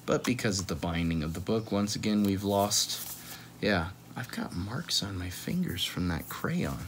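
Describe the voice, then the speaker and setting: Sitting on a couch in a small home room, this thirtysomething read-aloud host jokes his way through a kids' picture book, wandering off on tangents. He speaks in a low voice with lively intonation, a little slowly, over slight background noise.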